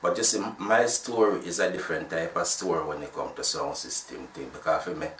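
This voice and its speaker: A man's voice: low voice, fairly quick, a bit bright, distant mic, a little hiss or hum. A man in his sixties from Jamaica, with a Jamaican accent, telling his story in a rambling way full of restarts. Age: 60s. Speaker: sound system founder. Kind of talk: casual interview talk. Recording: roomy, from off the mic.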